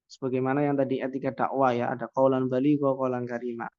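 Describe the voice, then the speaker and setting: A man's voice: mid-range voice, level tone, fast talker, darkish tone, dry recording. Man lecturing, dull dry recording. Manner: conversational and rhetorical, asks and answers own questions. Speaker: university lecturer. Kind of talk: classroom lecture.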